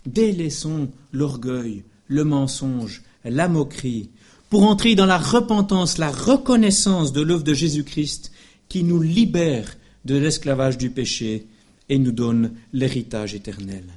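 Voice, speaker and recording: A man preaching a sermon in an emphatic, lively way, often adding little asides and short laughs. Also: mid-range voice, a little slow.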